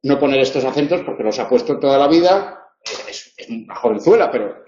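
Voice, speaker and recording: A man's voice: mid-range voice, animated, fairly quick, a little mellow, slight background noise. Man lecturing in a roomy classroom. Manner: explanatory, checks in with tag questions. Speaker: university lecturer. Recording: roomy, muffled lecture recording.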